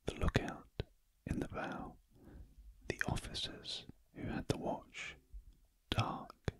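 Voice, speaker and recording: Slow, whispering British man reading a story. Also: extremely high pitch, rough recording. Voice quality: breathy unvoiced whisper. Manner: very gentle, hushed, deliberate. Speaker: audiobook narrator. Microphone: close ear-to-ear stereo microphone.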